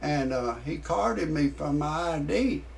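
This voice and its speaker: A man in his sixties hosting a comedic parody monologue, rambling in a deadpan way with many fillers. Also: slow, creaky, poor audio. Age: 60s. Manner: shouts quoted lines in a much higher voice. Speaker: parody show host.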